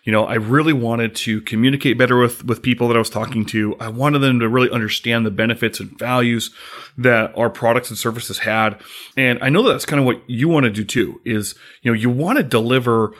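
A man's voice: medium pitch, brisk, fairly bright tone. A man hosting a sales podcast, talking casually with frequent fillers and restarts. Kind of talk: casual solo podcast monologue.

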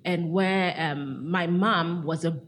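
Low-voiced woman, measured guest. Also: a little hiss or hum. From Ghana. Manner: thoughtful, with frequent pauses and fillers. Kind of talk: interview conversation.

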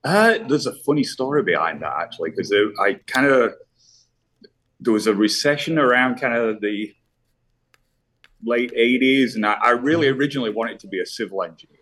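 A middle-aged man with a Yorkshire English accent, a pipe maker chatting as an interview guest, self-deprecating and quick to laugh. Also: medium pitch, animated, fairly bright tone. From Leeds, West Yorkshire, England. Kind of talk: casual interview chat.

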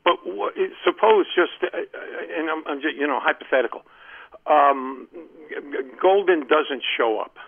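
A man's voice: a little high, unhurried, creaky, slightly rough. A man from Maryland calling in to a radio show over the phone, talking hesitantly with many restarts. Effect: phone call. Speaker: caller. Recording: tinny phone line.

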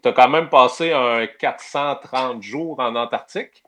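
A man's voice: mid-range voice, fairly bright tone. Man hosting a casual interview. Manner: measured, leading questions with fillers. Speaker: podcast host.

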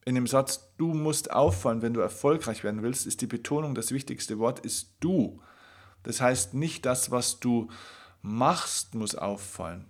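Heiserer Mann, eindringlicher Monolog. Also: male voice, on the low side. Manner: emphatic, slows down to stress key words; addresses the listener directly. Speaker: podcast host. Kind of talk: motivational monologue.

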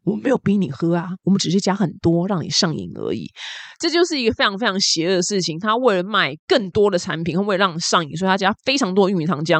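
Brief: woman, quick and blunt chatty host, with a dry close sound. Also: medium pitch, a bit bright, no echo. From Taiwan. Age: 40s. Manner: chatty, blunt, storytelling with asides. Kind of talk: casual news commentary vlog.

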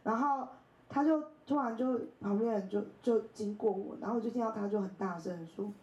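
A woman's voice: fairly high pitch, a little fast, roomy sound, dull audio. A woman in her thirties from Taiwan, speaking, tells personal stories at a bookstore talk, often laughing and acting out other people's voices. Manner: animated, laughs often, acts out quoted voices. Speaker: invited speaker. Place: bookstore event space.

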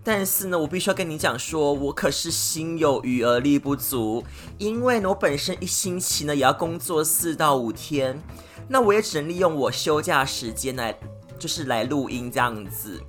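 A woman's voice: sits low, expressive, soft background music. A woman hosting a solo podcast, chatting to her listeners and stretching out little filler particles. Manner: chatty, many drawn-out filler particles, addresses listeners directly. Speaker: podcast host.

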